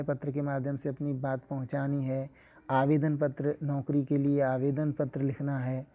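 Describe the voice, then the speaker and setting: A man teaching a lesson in a measured, explanatory way, with an occasional filler. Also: fairly high pitch. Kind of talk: scripted lesson lecture. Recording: dull lo-fi recording.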